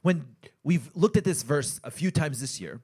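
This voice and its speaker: A man preaching a sermon in short phrases, pausing for an interpreter to translate, and praying softly. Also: on the high side, lively intonation, breathy edge. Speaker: pastor.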